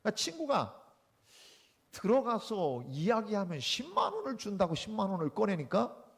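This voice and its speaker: Male pastor preaching in a church, high-pitched and gravelly, animated storyteller. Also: normal speed. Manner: animated storytelling, acting out the people in his anecdotes. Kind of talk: Sunday sermon. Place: church sanctuary.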